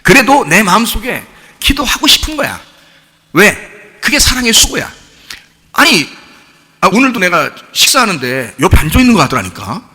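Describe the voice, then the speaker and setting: A man's voice: sits high, very animated, normal speed, long pauses, sharp tone, husky. A middle-aged man preaching a sermon as pastor, talking conversationally with many rhetorical questions. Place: church sanctuary. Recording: long hall reverb.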